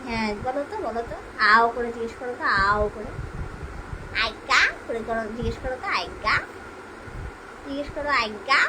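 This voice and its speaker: High sing-song woman doing baby talk. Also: moderate pace, long pauses, noisy background. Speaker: mother live-streaming with her baby son. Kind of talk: casual live-stream chat.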